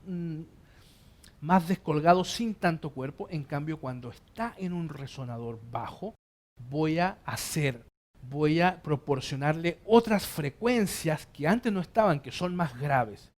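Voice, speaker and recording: A man's voice: a little high, expressive, unhurried. A man teaching a singing lesson. He explains patiently, restates each point in several ways, and breaks off to sing sustained vowels. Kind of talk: vocal lesson with sung demonstrations.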